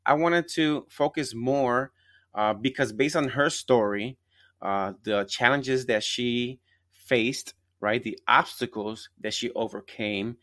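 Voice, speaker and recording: A male podcast host runs a live interview in a studio-quality, dry recording. His mid-range voice is slow and fairly bright, and he's enthusiastic and emphatic, repeating himself and often tagging phrases with "right?"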